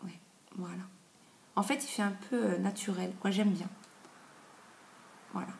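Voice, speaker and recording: A woman's voice: medium pitch, steady tone, normal speed, creaky, darkish tone. A woman in her thirties giving a casual, chatty review of beauty products, with plenty of fillers. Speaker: beauty vlogger. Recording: echoey room with faint noise.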